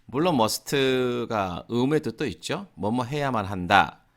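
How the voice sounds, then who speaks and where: A man teaching English grammar in an online lesson, giving slow, careful example sentences between casual explanations in English. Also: mid-range voice, animated.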